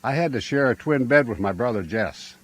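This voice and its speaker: A man's voice: medium pitch, animated, a little fast. An older man talking in an easygoing, rambling, folksy way about living full time on the road, speaking from inside his travel trailer. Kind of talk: casual conversational storytelling. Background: loud guitar music.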